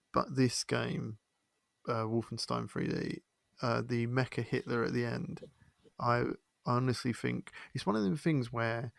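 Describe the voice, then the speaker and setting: A man chatting casually as a podcast co-host, telling animated stories. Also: medium pitch, vocal fry, dry recording. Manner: animated storytelling, quotes others. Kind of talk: casual chat.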